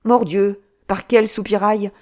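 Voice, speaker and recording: A woman reading an audiobook, voicing a sharp, mocking male swordsman who fires off curt, commanding questions. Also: medium pitch, fairly even intonation, unhurried, natural voice.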